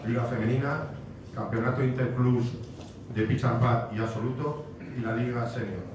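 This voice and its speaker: A man's voice: medium pitch, fairly even intonation, moderate pace, far from the mic. A middle-aged man giving a heartfelt farewell speech at a podium, repeating phrases and adding asides. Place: large stone-walled banquet hall. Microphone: podium microphone, recorded by a far camera. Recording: echoey hall recorded from afar, noisy.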